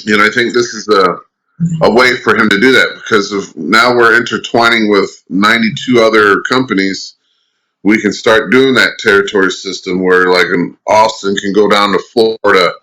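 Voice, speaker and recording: A man with a low, bright, forceful tone co-hosts a casual podcast. He speaks in halting starts, hunting for the next word, heard through a webcam on a video call. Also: steady tone, poor audio. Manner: halting, searching for words. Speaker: co-host, wrestler.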